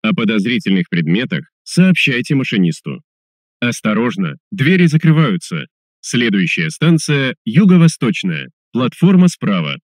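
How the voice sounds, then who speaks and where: A man delivers recorded subway announcements in a mid-pitched voice with lively intonation. His delivery is formal, measured and carefully articulated, as befits a train announcer. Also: no echo, studio quality. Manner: formal, measured, clearly enunciated.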